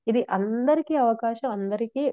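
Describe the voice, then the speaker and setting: A woman's voice: on the high side, moderate pace, dry recording, narrow, tinny audio. A woman earnestly sharing her devotional experiences in a conversational interview, with frequent restarts. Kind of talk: conversational testimony.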